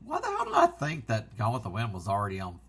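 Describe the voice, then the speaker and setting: A man hosting a casual vlog, talking in an excitable, rambling way and interrupting himself often. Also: on the low side, quick pace, creaky, slightly rough. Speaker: physical media channel host.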